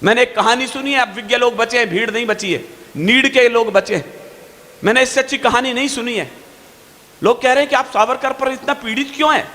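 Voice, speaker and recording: Male poet on stage, high-pitched and sharply forceful, declaiming emphatic verse in a reverberant hall. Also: brisk. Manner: fiery, emphatic, stretches key lines. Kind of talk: declamatory poetry recitation. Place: stage at a poetry gathering.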